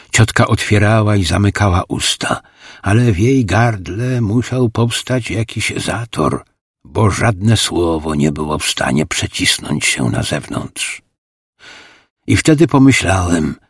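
A man reading an audiobook as narrator, in a slow, measured, grave manner on a close studio mic. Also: low voice, vocal fry, breathy edge, dry recording. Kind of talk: scripted narration.

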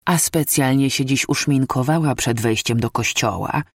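A narrator reading a story aloud with a wry, lively storytelling manner. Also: mid-range voice, moderate pace, no room sound, studio quality. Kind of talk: audiobook narration.

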